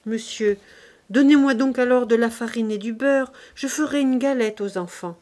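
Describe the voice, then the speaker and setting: A woman's voice: fairly high pitch, moderate pace, dark tone, lightly acted. A woman voicing a blunt, stubborn peasant servant woman who speaks her mind. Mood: insistent.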